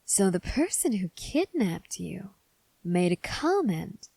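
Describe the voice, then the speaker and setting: A woman playing a cynical, taunting gang member in an ASMR role-play, speaking in a sardonic, teasing, unhurried way. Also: mid-range voice, big pitch swings, vocal fry, mellow, husky, no room sound, heavily acted. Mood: dry, probing.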